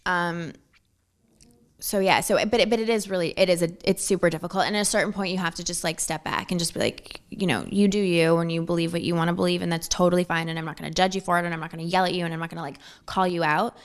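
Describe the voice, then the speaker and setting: A woman's voice: fairly low pitch, steady tone, fast. A woman as a podcast guest, talking casually and filling with "like" and "you know". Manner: chatty, fills with "like" and "you know". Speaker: interview guest, social media manager.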